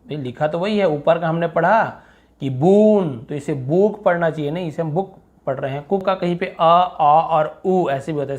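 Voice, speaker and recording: A man giving an online phonics lesson, explaining English vowel sounds and stressing each example word aloud. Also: on the high side. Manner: reads example words aloud louder, explains in chatty asides. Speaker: English pronunciation teacher.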